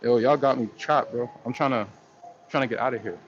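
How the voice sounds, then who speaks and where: This livestream host talks a little fast in a medium-pitched, slightly rough voice. He wanders loosely through viewer comments, using slang, fillers and frequent restarts. Faint noise sits under the dull, lo-fi stream sound.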